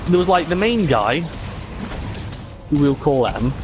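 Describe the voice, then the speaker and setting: A man's voice: fairly high pitch, sing-song, a little slow. A man chatting casually and rambling as he plays a video game, swearing freely and slipping into mock imitations of others. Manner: sweary, frequently mimics others mockingly. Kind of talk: casual rambling chat while gaming. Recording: music behind the voice. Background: music.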